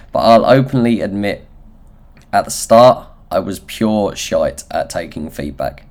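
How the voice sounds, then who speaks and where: A podcast host from Essex, England, with a low, nasal voice delivers an informal solo motivational talk. He's candid, self-deprecating and sweary.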